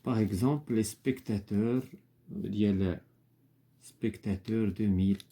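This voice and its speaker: A man's voice: on the low side, moderate pace, mellow, slightly rough. A man with a Moroccan accent, patiently explaining a lesson step by step as a teacher. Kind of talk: lesson explaining worksheet answers.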